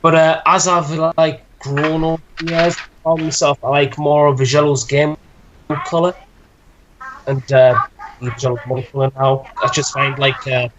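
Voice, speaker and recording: A man's voice: a little high, level tone, moderate pace, lo-fi sound, background noise. A man chatting casually, filling his talk with "like". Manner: chatty, lots of "like" fillers. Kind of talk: casual chat.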